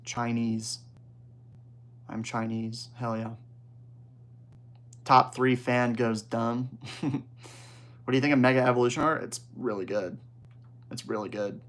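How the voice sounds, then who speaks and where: A young man hosting a casual livestream, reading viewer chat aloud and reacting in relaxed, slangy banter. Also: medium pitch. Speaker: livestream host.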